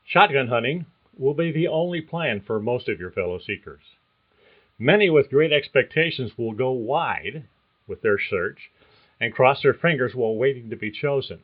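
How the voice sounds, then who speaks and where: This is an older man reading a scripted monologue on his career podcast, his manner folksy and comforting like a coach. His pitch is middling for a male voice, and the sound quality is a bit flat and lo-fi.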